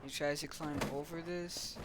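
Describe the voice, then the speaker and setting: A man's voice: fairly high pitch, steady tone, moderate pace, very noisy. A man telling a story in a casual, rambling way, full of slang and fillers.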